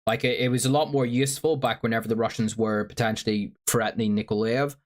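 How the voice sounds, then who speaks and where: A man's voice: medium pitch, fairly even intonation, fast. A man with a sore throat, livestreaming casual commentary and reading out viewer chat in a rambling, filler-heavy way. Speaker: stream host.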